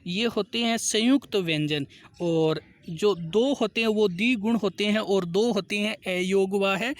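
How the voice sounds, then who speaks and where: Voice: medium pitch, fairly bright tone. A teacher giving a grammar lesson for exam prep, working through questions one by one, repeating each answer and reading the question numbers in English.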